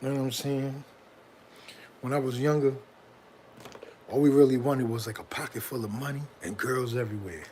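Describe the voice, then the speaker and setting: A man's voice: mid-range voice, steady tone, moderate pace, pauses often, a little mellow, slight background noise. A middle-aged man from Brooklyn with a New York accent, an independent hip hop artist chatting casually on a livestream in a slangy, rambling way outdoors. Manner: slangy, rambling, keeps asking "you know what I'm saying". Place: outdoors near a bridge.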